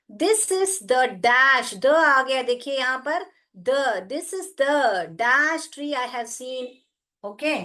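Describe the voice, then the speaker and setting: Slow, patient woman teacher. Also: sits high, fairly bright tone. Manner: patient, repeats questions to pupils, calls them beta. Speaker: English teacher. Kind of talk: online class lesson.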